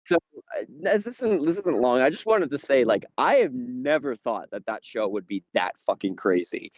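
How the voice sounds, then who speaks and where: A man in casual chat on a podcast, out of breath from walking uphill as he talks, animated and swearing while he tells a story. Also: medium pitch, moderate pace, no room sound, dull audio. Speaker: podcast host.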